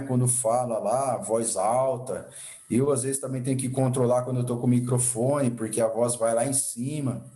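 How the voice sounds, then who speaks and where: A man's voice: mid-range voice, warm tone, echoey room. A man teaching a church family discipleship class, sharing personal testimony in a conversational, reflective way with frequent tag questions.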